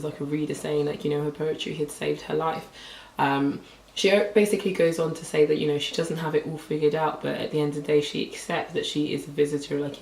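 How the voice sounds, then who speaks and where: A young woman talks casually about books, slightly hoarse and filling her sentences with "like". She sits a little back from the mic, in a room with a noticeable echo. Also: sits low, a little mellow, far from the mic. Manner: chatty, rambling, lots of "like" fillers. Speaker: book vlogger. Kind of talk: casual book review chat. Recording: roomy echo, voice a bit off-mic.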